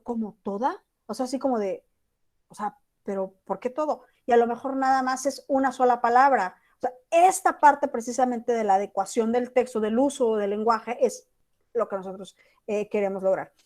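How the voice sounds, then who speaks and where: Her voice is a little high with a darkish tone. This Mexican-accented teacher runs an online lesson, chatting informally and performing example text messages.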